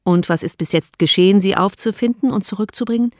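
A woman reading an audiobook, voicing a formal young gentleman who speaks with tender, earnest concern. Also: mid-range voice, fast talker, no echo, clean studio sound, natural voice. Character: solemn, compassionate young gentleman, Mr Darcy.

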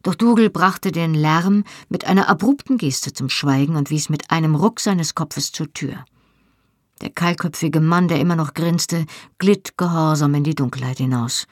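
Husky, dry audiobook narrator. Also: mid-range voice, normal speed, no echo. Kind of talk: first-person audiobook narration.

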